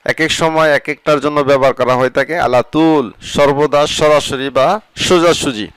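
A man teaching a vocabulary lesson, saying each phrase and then its meaning in a steady drilling rhythm. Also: medium pitch, clean tone, no echo, low-quality recording. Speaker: language teacher.

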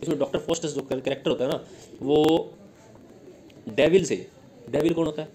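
Indian man, exam-prep lecture, fairly high voice, quizzes himself, slow english read-outs. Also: fairly even intonation, mellow, poor audio. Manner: explains in Hindi, reads English lines slowly; asks questions then answers them himself. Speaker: teacher.

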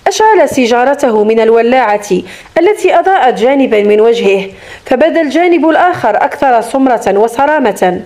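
Female audiobook narrator, high voice, dramatic novel reading. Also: animated, brisk, darkish tone.

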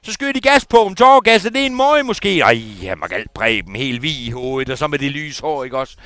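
A man's voice: fairly high pitch, sing-song, sharp tone, clear, resonant tone, no room sound. A man playing a gossipy, indignant middle-aged housewife in a comic monologue, rambling on and asking for agreement every few words. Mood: indignant gossip. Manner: rambling, keeps adding "ikke også" for agreement.

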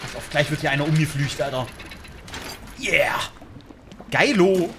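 A young man riffs casually over his game, slangy and quick to joke or react loudly. His pitch is fairly high and bounces around a lot. A faint hum sits behind him. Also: animated. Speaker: gaming YouTuber. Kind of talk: casual let's-play commentary.

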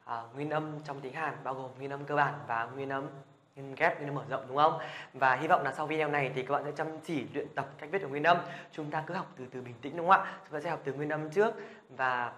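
A man's voice: on the high side, fairly even intonation, fairly quick, fairly bright tone, slight background noise. A man teaching a beginner language lesson who keeps asking his viewers whether they follow, then drills the sounds aloud with energy. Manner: patient, checks in with the viewers after every point.

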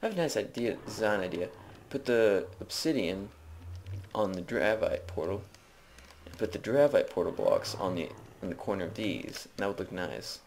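A let's player with a lowish, darkish voice and lively intonation talks at normal speed into a desk microphone with a little hiss or hum. He rambles through casual, jokey commentary, narrating his actions as he plays a video game.

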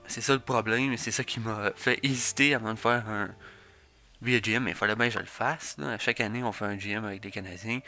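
Brief: young Quebec guy narrating a sports game, easygoing and dry, bright clear tone. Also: fairly low pitch, fairly even intonation, fast, faint music behind. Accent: Quebec French. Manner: laid-back, chatty, dry. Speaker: gaming YouTuber. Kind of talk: casual game commentary.

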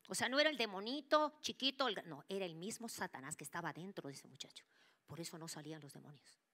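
Woman preacher, bright voice, lively storyteller, slips into whispers. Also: fairly low pitch, fast talker. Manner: animated storytelling, drops into whispers for quoted voices. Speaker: church speaker. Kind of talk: sermon with personal testimony.

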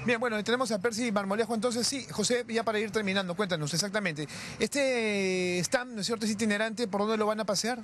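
A man's voice: high-pitched, a bit bright, a little hiss or hum. A young man reporting live from an outdoor stand, interviewing people with a handheld mic. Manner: brisk, leading questions with tag questions. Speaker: field reporter. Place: outdoor plaza stand, in the city.

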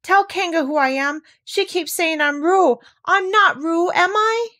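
A woman voicing a small, timid but indignant piglet in a storybook, with a squeaky, plaintive, exclamatory delivery. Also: a little slow, sharp tone, heavily acted. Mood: pleading. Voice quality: squeaky, high-pitched.

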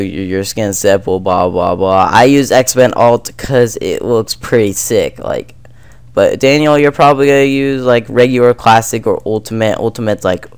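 A man's voice: fairly low pitch, clear, resonant tone, no room sound. A young man with a cold gives a casual, rambling tutorial on installing a game mod, with lots of fillers. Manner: rambling, filler-heavy, offhand. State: congested with a cold. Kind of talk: casual screen-recorded tutorial. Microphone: computer mic on a screen recording.

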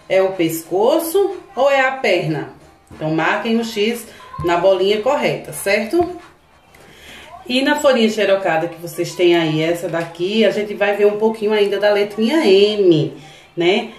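A woman with a Brazilian Portuguese accent, teaching kindergarten children in an online lesson. She asks patient, sing-song questions and spells words out slowly. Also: mid-range voice, reverberant. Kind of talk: slow, clear online lesson for young children.

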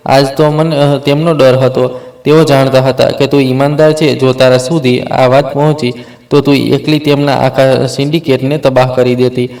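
Male narrator doing a frail poisoned husband, quiet and tired, flat delivery, storybook read. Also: medium pitch, normal speed, close to an everyday voice. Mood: bitter. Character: weak, poisoned village man, tender.

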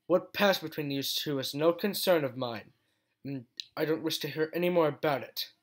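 A tense young pony princess, sharp and emphatic, as a male reader voices her. Her lines come out higher and louder than the narration, with a bite. It's a storybook reading of a fan story. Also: a little fast. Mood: stern.

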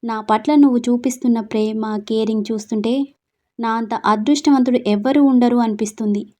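A woman's voice: fairly high pitch, steady tone, fairly quick, mellow, close to an everyday voice. A woman voicing a drunk young husband, pleading.

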